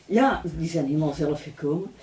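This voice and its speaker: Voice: medium pitch, expressive, fairly quick, a little mellow. A radio co-host, asking guests casual, chatty questions in a studio. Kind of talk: radio interview.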